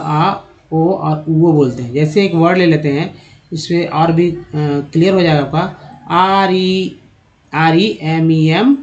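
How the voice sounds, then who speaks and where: A man's voice: high voice, a little mellow. Hindi-accented man teaching pronunciation, lo-fi. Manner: patient, spells words letter by letter. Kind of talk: slide-based spoken lesson. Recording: dull lo-fi sound.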